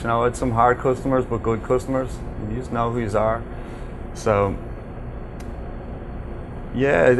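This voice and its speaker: A Dublin-accented man talks through a bartending technique in an informal, unhurried way, proud of the craft. His mid-pitched voice sits in clearly audible ambient noise. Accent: Dublin Irish. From Ireland. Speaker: bartender demonstrating a pour. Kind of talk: informal spoken tutorial.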